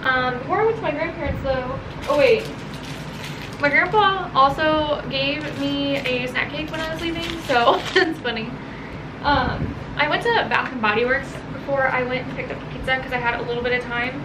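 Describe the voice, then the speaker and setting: A woman's voice: high-pitched, normal speed. A young adult American woman chatting casually and informally to her vlog viewers, recorded indoors at home. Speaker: vlogger. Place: small bedroom and home kitchen, indoors. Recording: steady fan noise behind home recording. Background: whirring room fan.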